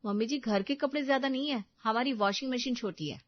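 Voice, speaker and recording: A woman's voice: fairly high pitch, brisk, no room sound, dull audio, pitched above the performer's own voice, lightly acted. A woman voicing a tired young daughter-in-law who explains politely and pleads in a cartoon story. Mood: pleading. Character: weary put-upon young daughter-in-law.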